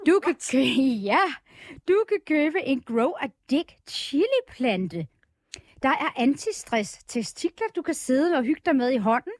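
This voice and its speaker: A woman's voice: high voice, very animated, a little mellow, dry recording, studio quality. Upbeat woman podcast co-host. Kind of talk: reading an erotic story aloud, then casual chat. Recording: background music bed.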